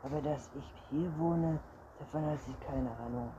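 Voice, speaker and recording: A man's voice: fairly high pitch, moderate pace, highs cut off, close to an everyday voice. A man voicing a cheeky, boastful little boy vampire who mocks and brags, in a storybook reading. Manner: mocking, proud, giggly. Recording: noisy recording.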